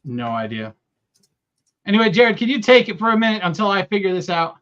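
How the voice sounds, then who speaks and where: A man's voice: high-pitched, sing-song, brisk, a bit bright. A man co-hosting a casual gaming podcast over a faulty microphone, his voice muffled as if he were inside a fishbowl. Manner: loose and chatty, with fillers. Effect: muffled sound, as if inside a fishbowl. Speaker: podcast co-host. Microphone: faulty headset or desk mic on a call. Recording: dull muffled lo-fi mic.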